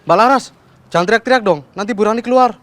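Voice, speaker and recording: A man's voice: sits high, quick pace, a bit bright. An actor playing a dutiful male guard in a TV soap opera, polite but firm.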